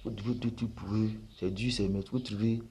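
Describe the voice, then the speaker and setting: A man's voice: on the low side, fairly even intonation, normal speed, warm tone, a little hiss or hum. A man talking casually as a spiritual teacher, explaining his points with frequent rhetorical questions.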